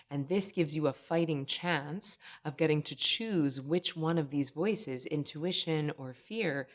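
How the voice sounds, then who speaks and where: A woman in her thirties teaching meditation straight to camera, upbeat and conversational, often checking in with "right?". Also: low-pitched. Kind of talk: direct-to-camera teaching talk.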